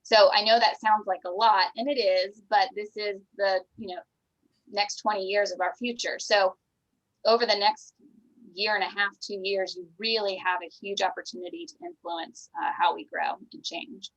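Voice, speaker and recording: An American woman city planner explaining the planning process clearly in a public meeting. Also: medium pitch, steady tone, normal speed, highs cut off.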